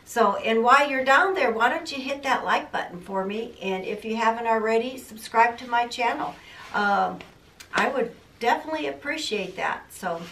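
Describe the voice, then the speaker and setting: A woman's voice: medium pitch, fairly bright tone, slight background noise. An older woman talks casually to her viewers about her sewing plans, rambling from one thought to the next. Her voice sits in an ordinary middle register. She is recorded from some distance in a roomy, echoing home sewing room. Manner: chatty, rambling, self-deprecating. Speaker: sewing vlogger. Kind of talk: casual chat to camera.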